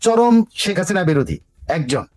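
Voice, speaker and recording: A man on a talk show gives insistent political commentary, hammering key words through repetition and mixing English words into his speech. His voice is high-pitched with huge pitch swings, delivered at a moderate pace with no echo.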